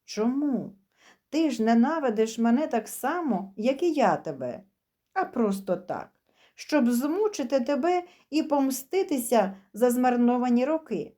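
A woman's voice: a little high, sing-song, a little slow, dark tone. Woman voicing a fed-up, curt husband. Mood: resolute. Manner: curt, resolute. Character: angry fed-up husband leaving his wife.

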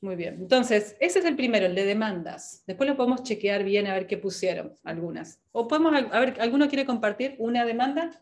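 Brief: woman, workshop facilitator, lively and questioning, quick to laugh. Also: a little high. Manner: animated, asks many rhetorical questions, laughs often. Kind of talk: live coaching workshop.

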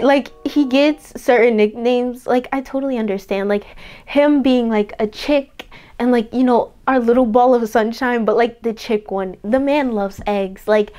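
Excitable young woman gushing over clips. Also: fairly high pitch. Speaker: reaction video host. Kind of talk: casual reaction commentary.

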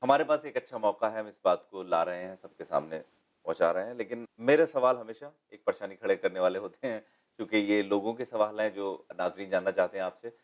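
Male TV host, formal and measured, asks long questions. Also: fairly low pitch. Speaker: TV interview host. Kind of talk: studio TV interview questions.

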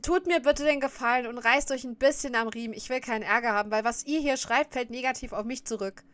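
A woman's voice: on the high side, quick pace, fairly bright tone. Chatty woman streamer scolding her chat. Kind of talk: casual reaction stream chat.

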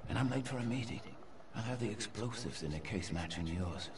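An actor playing a nervous male resistance contact in a video game, talking in a hurried, urgent way. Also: on the low side, expressive, crowd noise, natural voice. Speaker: game character. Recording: distant voice with noise.

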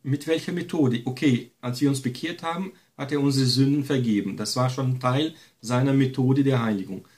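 A man's voice: mid-range voice, normal speed, hardly any pauses, a little mellow. A man giving a Bible lesson, emphatic and repetitive, often adding a questioning tag to his sentences. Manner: emphatic, repeats key phrases, frequent tag "ne". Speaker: Bible teacher.

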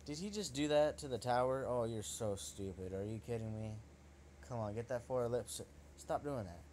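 A young man giving excitable, trash-talking commentary over his own gameplay, swearing at his opponent as he plays. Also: medium pitch, normal speed, a little hiss or hum. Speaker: gaming channel host.

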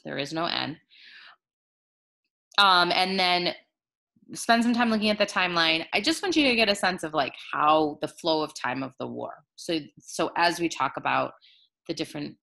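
A woman's voice: lowish voice, expressive, normal speed, gravelly, bright, forceful tone. A woman teacher talking casually through a recorded video lesson, rambling a little with fillers and restarts. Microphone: handheld recording device, jostled.

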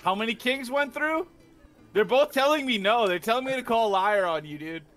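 High-voiced frat-bro young man, insistent and slangy. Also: expressive, normal speed, a bit bright. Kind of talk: casual gaming banter over voice chat. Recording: game music behind voice chat.

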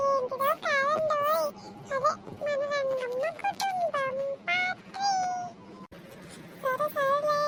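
High-voiced woman hosting a cartoon channel. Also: noisy background. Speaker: channel host.

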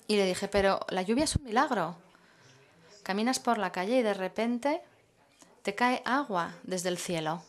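During a public talk, a woman provides simultaneous interpretation in a medium-pitched voice. She moves through measured phrases and pauses while reaching for the next word.

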